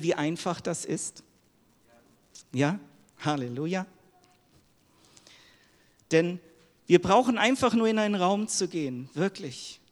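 A middle-aged man preaching a sermon in earnest, personal tones, asking the congregation questions in a church hall. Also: a little high. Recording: long hall reverb.

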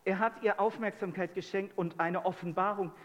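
High-voiced preacher in a reverberant hall. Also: male voice, fairly even intonation, moderate pace, fairly bright tone, dull audio. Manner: asks the congregation many rhetorical questions. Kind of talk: sermon.

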